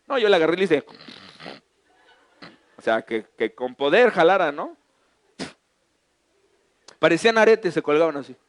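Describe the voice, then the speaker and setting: A middle-aged Mexican man, a pastor, telling a humorous personal story in a colloquial, animated sermon. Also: a little high, normal speed, long pauses, dry recording.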